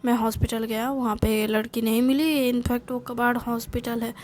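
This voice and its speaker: A woman's voice: on the high side, flat delivery, moderate pace, darkish tone, a little hiss or hum, close to an everyday voice. A woman voicing an easygoing grown son who coaxes and teases his mother. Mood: coaxing.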